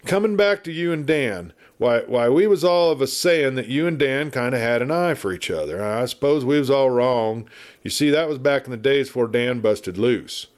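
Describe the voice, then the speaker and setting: Voicing the same kind of storybook character, a man plays a gossipy, animated frontier marshal, garrulous, good-natured but irascible, full of folksy, blustery chatter in an American Western drawl. His expressive mid-range delivery runs at normal speed, sounding natural though pitched above his own voice.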